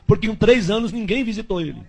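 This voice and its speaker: A man voicing the Holy Spirit, who speaks slowly and intimately in his ear. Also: high voice, vocal fry, darkish tone. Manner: slow, intimate.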